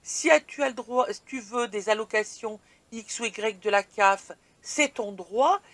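A woman's voice: medium pitch, unhurried, fairly bright tone, no room sound. A woman vlog host answering viewer questions in casual chat, speaking bluntly and addressing viewers informally.

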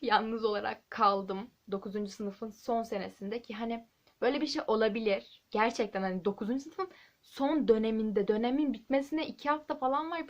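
Teen girl vlogger, rapid chatty storytelling, slightly high voice. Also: highs cut off. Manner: chatty, animated storytelling with asides. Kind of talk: casual chat to camera. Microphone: handheld camera.

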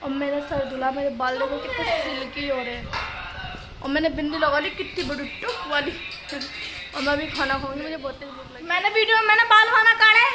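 A woman's voice: high voice, fairly even intonation, normal speed, loud music behind the voice. A young woman chatting casually to her phone camera in a home vlog, narrating her day. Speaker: vlogger. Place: family home, outdoors in a courtyard. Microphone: phone camera on a stand.

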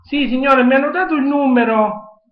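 A man's voice: very high-pitched, normal speed. A young man with a southern Italian accent making a prank phone call, talking in a hesitant, insistent, pleading way. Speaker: prank caller. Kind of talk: improvised phone prank chat. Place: small home kitchen, indoors. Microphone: webcam at arm's length. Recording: dull webcam sound, echoey room.

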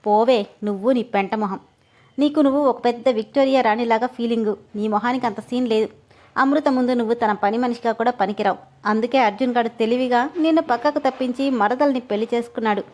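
A woman's voice: fairly high pitch, fast, darkish tone, natural voice. A woman voicing an angry, jealous young woman who speaks sharply and scolds with sarcasm, in a storybook reading. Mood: sarcastic.

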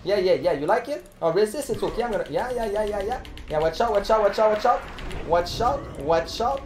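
Excitable, laughing woman gaming streamer. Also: medium pitch, fairly quick, a little hiss or hum. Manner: excitable, loud bursts and frequent laughter; profane slangy chatter. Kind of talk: live gameplay commentary. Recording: roomy echo with faint keyboard typing.

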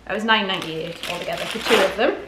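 Showing off a grocery haul, this vlogger in her forties talks fast in a mid-range voice, casually addressing the camera and frequently second-guessing herself out loud. She's indoors in a home dining room, where the recording picks up echo and clear background noise.

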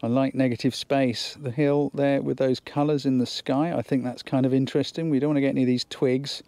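A man's voice: medium pitch, fairly even intonation, fairly quick, darkish tone, no room sound. Chatty man teaching outdoors. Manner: chatty, enthusiastic, thinks aloud. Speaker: photography tutor. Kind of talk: instructional outdoor vlog. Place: outdoors on a countryside hillside.

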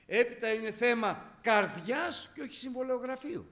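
Animated middle-aged man preaching. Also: very high voice. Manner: animated, emphatic, repeats key words; tells stories with quoted dialogue. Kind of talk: sermon.

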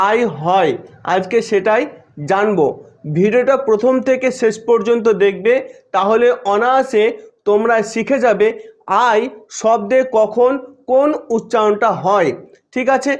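A man teaching English pronunciation, patiently repeating and spelling words out slowly. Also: extremely high pitch.

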